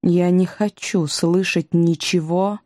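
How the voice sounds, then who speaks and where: A woman's voice: lowish voice, fairly even intonation, takes it slowly, a little mellow, no room sound, studio quality. A woman voicing an imperious, sarcastic evil queen who commands her servants, in an audiobook. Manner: haughty, menacing, sarcastic. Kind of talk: audiobook character reading.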